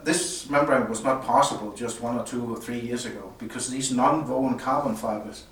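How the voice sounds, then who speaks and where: Speaking without a script at a product premiere, a loudspeaker designer walks through semi-technical material in a halting, explanatory manner. His voice sits at medium pitch with a fairly bright tone. The mic is far off in an indoor room at the audio show, giving a roomy sound and some background noise.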